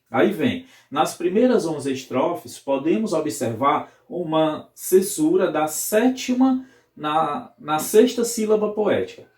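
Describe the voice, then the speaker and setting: A man's voice: a little high, darkish tone. Brazilian guy teaching literature, keeps asking if u got it, roomy echo. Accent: Brazilian Portuguese. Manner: explanatory, checks in with "tá certo?". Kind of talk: recorded video lesson.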